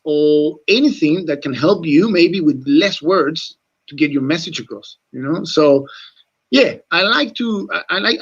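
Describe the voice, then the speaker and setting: On a dull-sounding recording, a rugby coach from Chile speaks earnestly in a radio interview, his voice sitting on the high side. He's in his forties, and Spanish, not English, is his first language. He tends to repeat words and says "mate" a lot.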